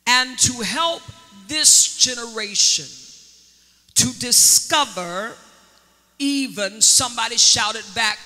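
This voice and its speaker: A woman's voice: mid-range voice, bright, forceful tone. A woman preaching a sermon as a prophetess, stretching key words with dramatic emphasis and calling on the congregation to answer. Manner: dramatic drawn-out emphasis, call-and-response. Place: church sanctuary. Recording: long church hall reverb.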